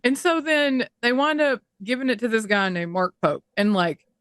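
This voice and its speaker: A woman's voice: a little high, normal speed, fairly bright tone, smooth, no echo, clean studio sound. A woman co-hosting a podcast, ranting in casual chat, swearing freely and mocking other people's words in quoted voices. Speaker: podcast co-host.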